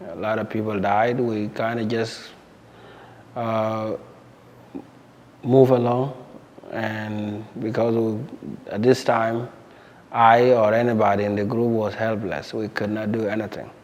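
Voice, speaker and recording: Low-voiced man, measured. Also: flat delivery, darkish tone, slight background noise. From South Sudan. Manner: measured, plain-spoken, often pauses and repeats words. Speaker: interviewee. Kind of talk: recounting his life story. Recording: long hall reverb.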